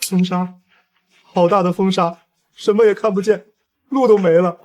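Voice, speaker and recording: A man's voice: high voice, fairly even intonation, moderate pace, close to an everyday voice. An actor playing a boastful, cowardly young man, the boss's brother-in-law, who whines and pleads. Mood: shaken. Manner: whiny, pleading, defensive.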